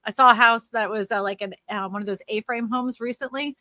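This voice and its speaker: This is a Louisiana woman from the USA hosting a laid-back housing-market livestream where she reads comments aloud. Her slightly nasal voice is a little high, steady and sharp, and she speaks fairly quickly, rambling with many fillers and restarts. The recording is dry and of studio quality.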